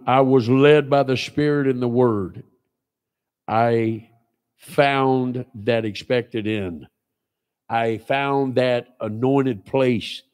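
A pastor in his sixties preaching a sermon in a small church, stressing repeated phrases and swinging between loud and low. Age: 60s. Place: small church sanctuary, indoors.

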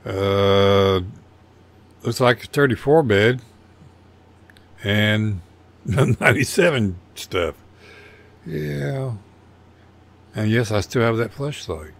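A man's voice: lowish voice, slow, vocal fry, pauses often. An older man casually narrating his model car build over photos, rambling and folksy with a self-deprecating humor.

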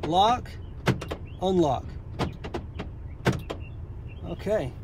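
A man's voice: sits high, expressive, extremely slow, background noise. A man in his thirties, an auto technician, explaining a repair step by step in a casual how-to voice from inside a parked car, recorded on a phone held close.

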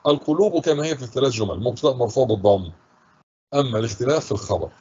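Patient male teacher, slow repeated readings. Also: lowish voice, mellow. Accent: Egyptian. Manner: patient, reads example sentences slowly and repeats them. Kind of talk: grammar lesson for schoolchildren. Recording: husky voice, dull lo-fi recording.

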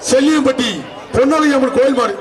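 A man announcing a bull-taming event through a public address loudspeaker, loudly repeating calls and praise. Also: very high voice, quick pace. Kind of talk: live event commentary. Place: outdoor bull-taming arena. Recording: echoing loudspeaker from far off, loud crowd.

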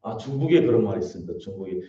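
A man preaching a dawn-service sermon, who acts out quoted lines in lively voices and drops soft and low at times. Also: rapid-fire. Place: church sanctuary. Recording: distant echoey church room, muffled.

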